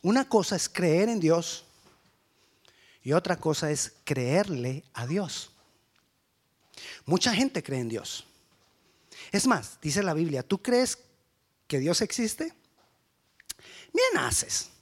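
A man's voice: a little high, sing-song, takes it slowly, pauses often. A man preaching a sermon with fervent, repetitive rhetorical questions.

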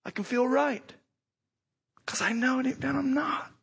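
A man giving an informal sermon as a pastor, conversational and repeating phrases for emphasis, his voice froggy and hoarse with a cold. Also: extremely high pitch, unhurried, fairly bright tone, lo-fi sound. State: hoarse from a cold, clearing throat. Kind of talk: sermon, informal teaching with scripture reading.

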